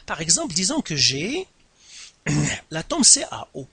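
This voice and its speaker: A man teaching a science lesson, speaking slowly and deliberately, repeating and stressing each term with jumps in pitch. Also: wildly swooping pitch, creaky, bright, forceful tone, husky, dry recording. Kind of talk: classroom lesson explaining at a board.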